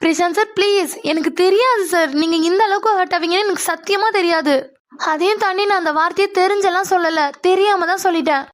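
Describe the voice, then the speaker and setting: A woman's voice: extremely high pitch, quick pace. A woman voicing a coaxing, pleading young woman in a cartoon. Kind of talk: cartoon voice acting.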